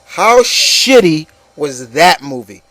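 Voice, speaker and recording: A slightly high, sing-song male voice, pushed and bright, comes slowly with no room sound. He hosts a casual opinion show, ranting with a co-host in a blunt, fed-up way, stammering, repeating words and phrases and swearing.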